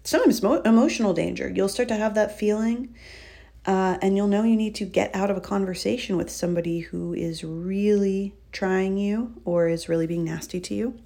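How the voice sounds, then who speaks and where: A woman leading a guided breathing and relaxation exercise, giving gentle instructions with candid, informal asides. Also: medium pitch, moderate pace, vocal fry.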